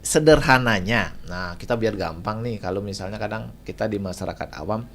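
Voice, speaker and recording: A man guest on a radio talk show, chatty and quick to laugh, explaining things with homely examples. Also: fairly low pitch, a bit bright. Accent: Indonesian (Balinese). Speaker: nutritionist guest.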